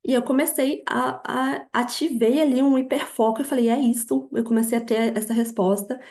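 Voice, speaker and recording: A young adult woman with a Brazilian Portuguese accent, a podcast guest telling her story in a lively way, laughing often and acting out quoted dialogue. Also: on the high side, moderate pace. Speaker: podcast guest, affiliate marketer. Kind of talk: casual interview storytelling.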